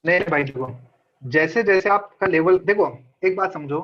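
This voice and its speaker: This trading mentor's high-pitched voice comes through a video call with a dull, lo-fi sound as he teaches an informal online class at a moderate pace. His style is conversational, switching between Hindi and English and restating points repeatedly.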